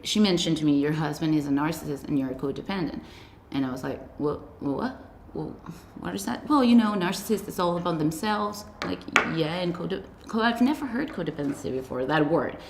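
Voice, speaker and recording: Woman, hesitant searching storyteller, low voice, roomy echo, faint background noise. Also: animated, brisk, a little mellow. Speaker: interviewee. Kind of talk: personal story.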